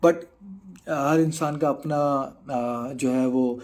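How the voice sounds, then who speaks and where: His voice is mid-range, a little mellow, and fairly even as this Pakistani bodybuilder in his thirties works through live-stream comments. He reads them out and answers casually in Urdu, mixing in English and using frequent filler pauses.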